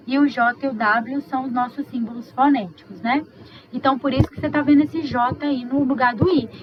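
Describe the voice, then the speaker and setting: A woman teaching an online review lesson, explaining step by step, slowly repeating sounds and checking in with her students. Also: on the high side, lo-fi sound, background noise.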